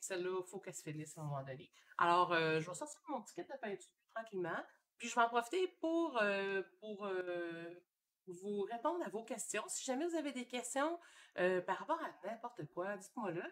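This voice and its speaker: A woman with a Québécois French accent talks to her viewers while she paints at home. She rambles gently and thinks aloud, with plenty of fillers, and her voice sits at an ordinary middle pitch. A faint hiss of background noise runs under the recording. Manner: chatty and relaxed, thinking aloud with many fillers. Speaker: painter hosting a live stream. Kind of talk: casual live-stream chat while painting. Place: home studio.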